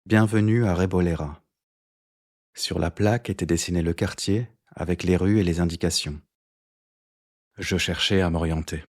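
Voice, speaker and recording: Deep low guy reading a novel out loud, calm and measured. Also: husky. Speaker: audiobook narrator. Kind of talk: first-person literary audiobook reading.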